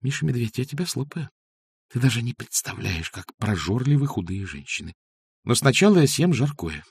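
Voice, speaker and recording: A man's voice: medium pitch, big pitch swings, normal speed, creaky, husky, heavily acted. A male reader voicing a playful, lovestruck woman who teases and orders her man about, in an audiobook. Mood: bossy. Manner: teasing, bossy. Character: lively playful woman in love.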